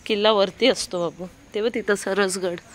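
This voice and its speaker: A woman with a Marathi accent narrating a casual vlog outdoors in the rain, gently coaxing her little daughter. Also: mid-range voice, steady tone, normal speed, low-quality recording. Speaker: vlogger. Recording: loud outdoor background noise.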